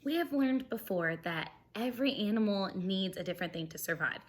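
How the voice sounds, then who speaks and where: With a mid-range, expressive voice and a brisk pace, a woman teacher reads a picture book aloud to children. She puts expression into it, keeps explanations simple and asks the young listeners questions.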